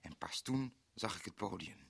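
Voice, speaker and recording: A bumbling, cheerful forest ranger. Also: male voice, lowish voice, expressive, unhurried, noisy background. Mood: flustered. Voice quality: naive, fussy, exclaims oddly. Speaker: comic storyteller. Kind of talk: radio comedy monologue.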